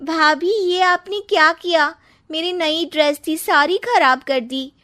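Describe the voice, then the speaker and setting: A woman voicing a whiny young sister-in-law in a cartoon story, pouty and quick to complain. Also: very high-pitched, sharp tone, voice pushed up, heavily acted. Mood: upset.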